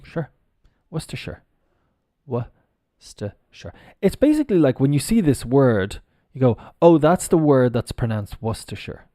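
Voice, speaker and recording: A man's voice: medium pitch, warm tone, no room sound, studio quality. A man teaching English pronunciation on a live stream, spelling words out letter by letter and chatting casually as he goes.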